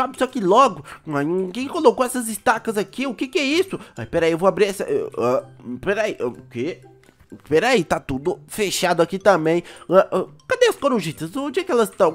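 A man with a Brazilian accent doing a Minecraft role-play as a gaming YouTuber, excitable and full of exclamations and sighs. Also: high voice.

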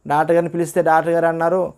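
A man's voice: a little high, monotone, very fast, darkish tone, clear, resonant tone. Earnest man giving a testimony. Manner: earnest storytelling, acts out quoted dialogue. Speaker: testimony speaker. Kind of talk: personal religious testimony.

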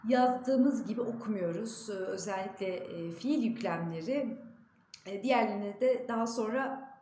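A woman with an Istanbul Turkish accent giving a diction lesson, carefully demonstrating how words are pronounced, her pitch jumping up sharply on each example. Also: moderate pace, mellow, a little hiss or hum. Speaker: diction teacher. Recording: echoey room with faint ambience.

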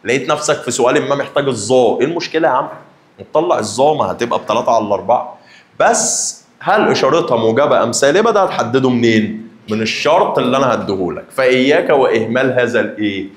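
A young man with an Egyptian Arabic accent, a math teacher giving a lively lesson and teasing his students directly. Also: mid-range voice, fast talker, roomy sound.

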